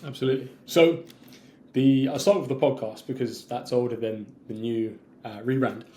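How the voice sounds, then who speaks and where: A young man from London, an entrepreneur guest on a podcast, telling his story in a fluent, conversational way and now and then clearing his throat. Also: medium pitch, fairly even intonation, normal speed, warm tone. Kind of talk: casual interview chat.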